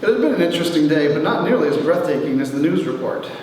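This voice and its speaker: Reading his own humorous memoir, a man uses wry timing and dramatic pauses, his fairly high voice swinging animatedly. He's captured from far away in a very echoey hall, with faint noise.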